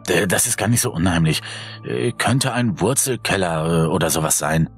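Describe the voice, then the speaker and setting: A man's voice: low-pitched, moderate pace, husky, soft background music. A man voicing a nervous teenage boy who hesitates and stammers. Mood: anxious. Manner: hesitant, stammering, many fillers.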